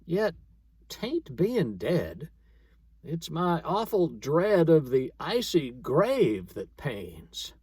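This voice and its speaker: A man's voice: fairly high pitch, wildly swooping pitch, extremely slow, a little mellow, breathy edge, dry recording, clean studio sound, voice pushed up, full character voice. A man voicing a cold, dying gold prospector who moans and pleads plaintively in a poem reading. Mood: pleading, moaning. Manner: plaintive, moaning. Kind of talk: dramatic poetry reading.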